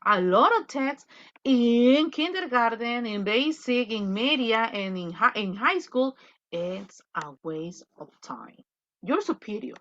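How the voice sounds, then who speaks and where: A woman with a Salvadoran accent gives an online English lesson in a slightly high voice. She is blunt and emphatic, full of animated asides. The audio is dull and lo-fi, like a video call. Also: slow. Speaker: English teacher. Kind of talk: online class lecture.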